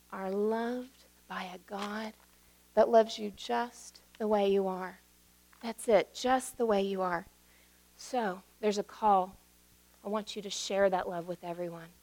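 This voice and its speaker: A woman pastor giving a children's sermon in a gentle, playful way, sometimes dropping to a soft near-whisper. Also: medium pitch. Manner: gentle, playful, talks down to kids' level.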